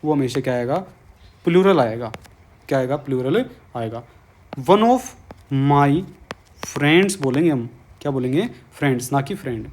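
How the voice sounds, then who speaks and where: A man's voice: medium pitch, animated, moderate pace, a little mellow, a little hiss or hum. A man with a Hindi accent teaching an exam-prep English grammar lesson, coaxing students and repeating his questions.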